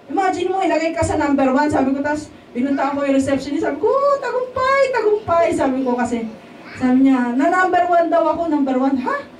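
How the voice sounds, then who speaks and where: Woman lay speaker, high voice, chatty testimony style, often turning to the congregation for agreement, recorded from a distance with faint background noise. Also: fast talker, darkish tone, roomy sound. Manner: keeps checking in with the congregation. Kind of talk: testimony sermon in a casual, conversational way. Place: church hall at a worship service.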